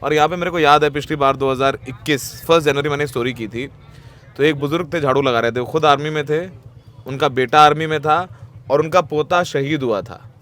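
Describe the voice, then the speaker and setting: A man's voice: fairly high pitch, a little fast, a bit bright. A man, a ground reporter, closing his piece to camera in an earnest, reflective and emotionally moved way. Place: outdoors at a protest site.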